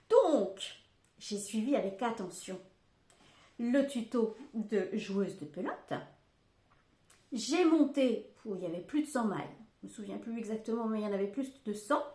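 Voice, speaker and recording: An older woman hosting a craft podcast from home, chatting casually and rambling with lots of fillers and asides. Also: fairly high pitch. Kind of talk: casual chat. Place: home room. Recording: echoey room.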